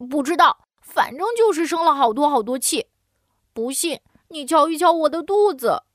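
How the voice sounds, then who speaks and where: A woman's voice: high voice, animated, normal speed, dry recording, studio quality, voice pushed up. Woman doing a huffy little piglet boy. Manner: whiny, huffy, pouting. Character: grumpy little boy piglet, sulky and pouting.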